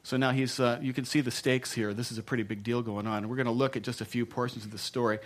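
Texan male pastor, jokey and animated sermon delivery, middle-pitched voice. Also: quick pace. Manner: jokey, animated, many restarts and fillers.

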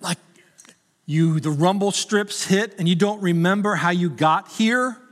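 A middle-aged man preaches in a high, light voice, mixing jokes about himself with earnest calls to his listeners. His words ring out with a long reverb, as in a large church hall. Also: a little slow, fairly bright tone. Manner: conversational, self-deprecating humor, rising to urgent appeals. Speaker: pastor. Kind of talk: sermon with humorous stories.

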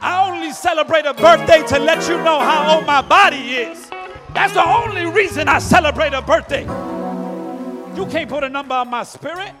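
A middle-aged man preaching a fervent sermon in a church, shouting and calling out hallelujah again and again. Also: very high-pitched, moderate pace. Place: church sanctuary. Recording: long church reverb with faint music.

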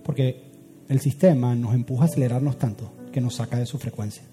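A man preaching a sermon as a pastor, swinging from loud urgent build-ups to hushed, quiet lines. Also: medium pitch, fairly quick, music in the background.

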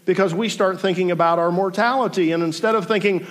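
A man in his forties delivers a reflective sermon in a notably high voice. He speaks to a congregation in a room and mixes in dry, self-deprecating humor. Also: fairly even intonation, fast. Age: 40s. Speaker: pastor.

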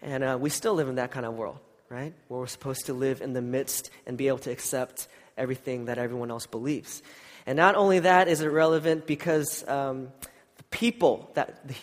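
A man preaching in an informal, conversational and slightly hesitant way, with a congested, nasal voice. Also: a little high. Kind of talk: informal church sermon with scripture reading and prayer. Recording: long hall reverb.

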